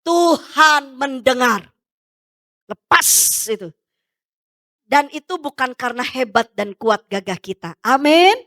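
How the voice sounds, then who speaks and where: High bright-voiced woman pastor preaching. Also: expressive, slow, long pauses, no echo, clean studio sound. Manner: emphatic, swings between loud urging and soft low asides. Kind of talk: sermon.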